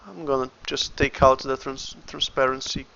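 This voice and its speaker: Heard through dull audio, a man speaks at a moderate pace with a medium pitch, fairly even intonation and vocal fry, his tone bright and forceful. He's a Brazilian game developer with a Brazilian Portuguese accent, working on a casual livestream and muttering through each step as he thinks aloud.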